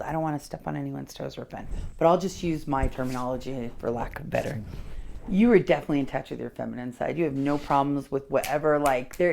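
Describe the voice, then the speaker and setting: A woman working as a handwriting analyst, giving a casual, frank personality reading in a chatty, animated way and laughing often. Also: low-pitched, vocal fry, a little hiss or hum. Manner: animated, acts out his inner voice.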